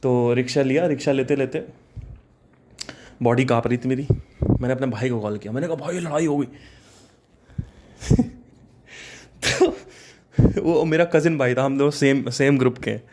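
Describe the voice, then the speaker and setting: At normal speed with long pauses, a young man from Kanpur tells a personal anecdote in a mid-range voice, over a little hiss or hum. He's casual and animated, slipping in English phrases and laughing as he goes.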